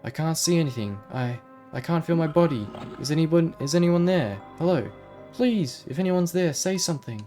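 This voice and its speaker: A man reading aloud as a frightened old man lost in a cold, dark void, calling out for anyone to hear him. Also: a little high, lively intonation, moderate pace, faint music behind, pitched above the performer's own voice, lightly acted. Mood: pleading, frightened. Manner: frightened, pleading.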